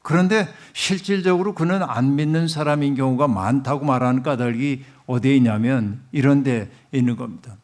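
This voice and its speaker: A man's voice: medium pitch, fairly even intonation, normal speed, hardly any pauses, darkish tone. A middle-aged man preaching a sermon as a pastor, telling a story and speaking directly to the congregation.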